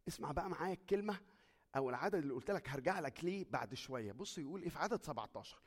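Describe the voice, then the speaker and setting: A male preacher with an Egyptian Arabic accent and a somewhat high voice delivers a sermon. He drops to a near-hush, then climbs to loud, fervent declarations. He poses questions to the congregation and answers them himself. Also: expressive, rapid-fire, slightly rough. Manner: swings between hushed, intimate talk and loud, fervent preaching; asks and answers his own questions.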